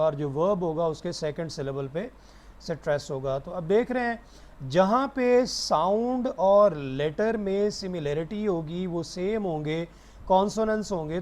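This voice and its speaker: High-voiced male phonetics lecturer. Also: darkish tone. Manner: switches between English and Hindi-Urdu, drilling pronunciations; many "uh" hesitations when starting. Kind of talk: online lecture.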